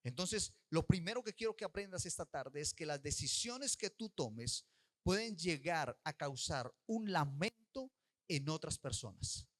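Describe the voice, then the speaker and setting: A man pastor preaching a sermon. He tells a story and urges his listeners, with sudden shifts between loud and soft. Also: fairly high pitch, very animated, unhurried.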